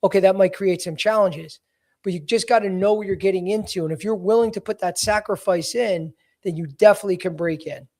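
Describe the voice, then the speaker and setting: A man's voice: sits high, a little fast, darkish tone. A man in his forties hosting a casual advice podcast as a career coach, talking bluntly and emphatically with plenty of "you know" fillers. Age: 40s.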